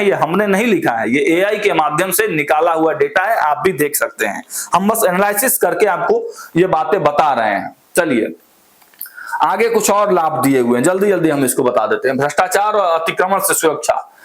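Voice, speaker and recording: A man commentating on political news, walking viewers through points step by step and speaking to them directly. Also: high-pitched. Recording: echoey room.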